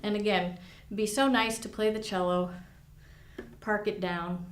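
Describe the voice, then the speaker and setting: A woman's voice: mid-range voice, fairly even intonation, measured pace. Woman teaching viola in echoey studio. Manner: encouraging, explains with imagery. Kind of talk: instructional lesson with demonstration. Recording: echoey room.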